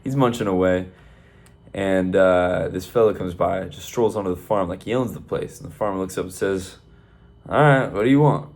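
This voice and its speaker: A man's voice: low voice, fairly even intonation, normal speed, gravelly, a little mellow. A man telling a long, rambling shaggy-dog joke in a folksy storytelling manner, peppered with "by God". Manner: folksy, rambling, repeats 'by God'. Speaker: comedian.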